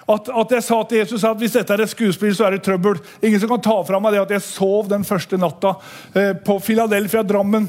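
A man preaching a lively testimony sermon to a congregation in a church hall, emphatic and folksy, and at times shouting. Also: sits high. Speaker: lay preacher giving a testimony.

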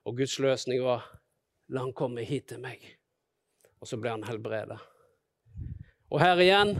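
A man preaching a sermon, retelling stories and acting out the people in them. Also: medium pitch. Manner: storytelling, acting out the disciples and Jesus in quotes.

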